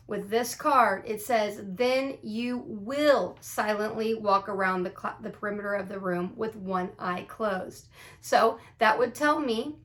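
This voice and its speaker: A woman teacher talks through a classroom icebreaker in an upbeat, explanatory way. Her voice sits on the higher side, and she acts out the examples as she goes. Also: a bit bright. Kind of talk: instructional explainer video.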